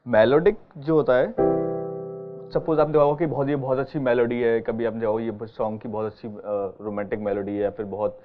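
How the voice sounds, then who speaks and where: A man with a medium-pitched, fairly even voice talks fairly quickly over faint music. He's teaching an online keyboard lesson, patiently explaining each step and frequently checking that his students are following. The sound is dull and lo-fi, with keyboard playing in the background.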